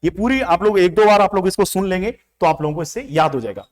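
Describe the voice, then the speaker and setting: A man's voice: high voice, lively intonation, quick pace. A male teacher from Uttarakhand, with that region's Hindi accent, teaching exam students through a mnemonic story. He keeps asking questions and answering them himself, repeats key terms, and briefly acts out the characters. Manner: acts out little story voices. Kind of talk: exam-prep mnemonic lesson.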